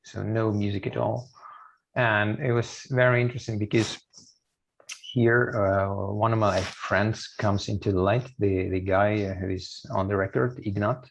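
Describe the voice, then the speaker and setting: A man in his late thirties speaking as a guest in a casual interview, halting, with many fillers and restarts. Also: lowish voice, fairly even intonation, gravelly, rough recording. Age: late 30s. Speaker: guest musician.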